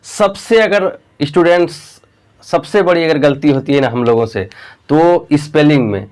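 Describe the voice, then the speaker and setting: A young man with a Bihari Hindi accent teaching an English-speaking lesson, calling out to his dear students and repeating words slowly to model how they sound. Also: a little high, darkish tone. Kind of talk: whiteboard classroom lesson.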